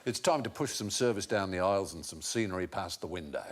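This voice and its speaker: A man's voice: low-pitched, lively intonation, quick pace, pitched below the performer's own voice. Man doing a chatty Australian airline pilot, Australian accent, breezy cabin announcements, noisy TV studio.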